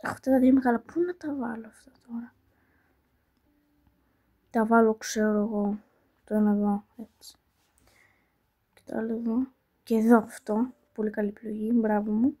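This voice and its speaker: A woman with a slightly high voice hosts her own small channel, thinking aloud as she plays a puzzle game. She talks casually and repeats little words as she weighs each move. Now and then she apologises to her viewers and makes fun of her own playing. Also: little pitch movement, long pauses, mellow. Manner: self-mocking and apologetic toward viewers. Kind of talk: casual gameplay commentary.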